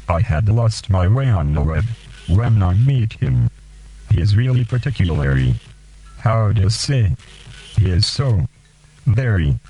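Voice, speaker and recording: Radio host, slow and deliberate, dark low voice. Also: male voice, low-quality recording. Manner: slow, deliberate, halting phrasing. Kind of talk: radio show with poetry reading.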